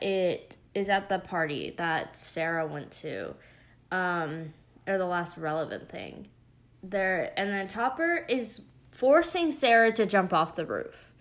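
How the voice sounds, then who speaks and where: Low-voiced young woman rambling casually. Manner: rambling, many fillers, gushing asides. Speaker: show recap vlogger. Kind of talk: casual chat.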